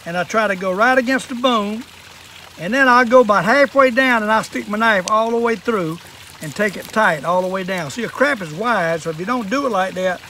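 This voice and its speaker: An older Southern American man with a notably high voice for a male speaker. He has the folksy, plainspoken way of an old fisherman showing how a job is done. He is recorded outdoors, with clear background noise around his voice. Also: a little fast, pushed and bright. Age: older, 60s or above. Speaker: fishing and fish-cleaning demonstrator. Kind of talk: casual hands-on how-to demonstration. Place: outdoors in a wooded yard at a table.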